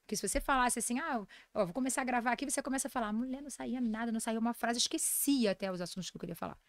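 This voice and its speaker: A woman in her forties with a Brazilian Portuguese accent, a nutritionist and lecturer telling stories fast and with animation in a casual podcast interview. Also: on the high side, dry recording. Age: 40s.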